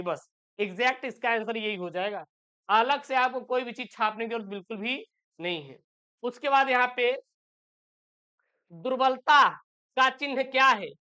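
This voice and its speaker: A woman's voice: fairly high pitch, sharp tone, smooth. A woman teaching an exam-prep lesson, explaining a poem line by line and asking and answering her own questions.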